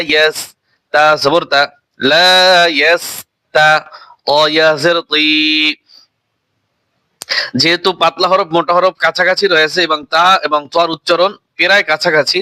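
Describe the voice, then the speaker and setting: A man with a bright, crisp voice leads a Quran reading lesson. He spells out each letter and vowel mark, then draws the recited words out slowly. His explanations come in quick bursts, recorded close and dry. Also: a little high, no room sound, rough recording.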